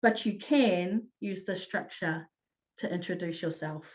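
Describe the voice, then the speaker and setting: A woman presenting an online teaching talk, explaining in an upbeat way with quick restarts. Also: lowish voice, dull audio.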